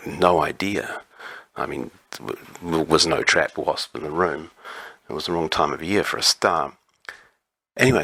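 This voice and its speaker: A man answering interview questions about his writing in a relaxed, measured way, often pausing with an um. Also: deep voice, no echo. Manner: measured, explanatory, with frequent ums. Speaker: interview guest, writer on magic.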